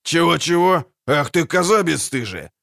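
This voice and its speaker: A man voicing a grumpy, foul-mouthed dwarf wagon driver in an audiobook, gruff and barking. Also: a little high, sing-song, moderate pace, a bit bright, no echo, clean studio sound, voice pushed up, exaggerated voice. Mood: angry. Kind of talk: audiobook character voice.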